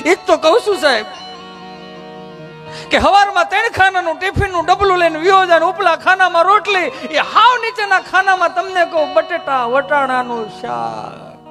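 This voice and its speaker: Man doing a henpecked husband: high, pleading, stage-comedy bit. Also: gravelly, exaggerated voice. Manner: pleading, drawn-out complaining. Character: weary henpecked middle-aged man pouring out troubles.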